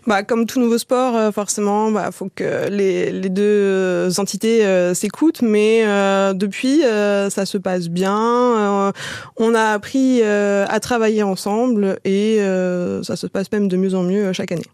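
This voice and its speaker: A woman's voice: mid-range voice, fairly even intonation, unhurried, a little mellow, clear, resonant tone, no room sound. Woman radio guest, patient explainer, dry close studio sound. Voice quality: explanatory, many fillers. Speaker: association president, guest. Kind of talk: radio interview.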